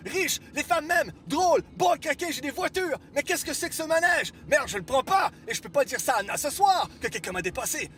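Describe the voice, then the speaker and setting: Man playing boastful hapless rich man, comedy parody, whiny, wildly swooping pitch, echoey room. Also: fairly bright tone, heavily acted. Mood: outraged. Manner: pompous, whiny, theatrical. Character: vain, boastful, incompetent male millionaire, easily outraged. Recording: roomy echo, faint noise.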